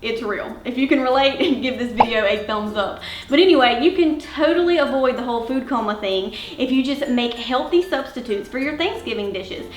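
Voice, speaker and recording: This young woman's Mississippi Southern voice sits on the high side, keeping a moderate pace with few pauses in an echoey room. As a cooking vlogger host, she explains each step of her casual tutorial in a chatty, friendly manner.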